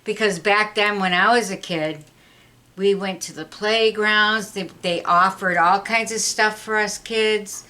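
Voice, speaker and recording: Middle-aged mother, interview guest, slow and deliberate, bright tense tone, matter-of-fact. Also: medium pitch, fairly even intonation. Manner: unhurried, plain, matter-of-fact answers. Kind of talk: casual family interview.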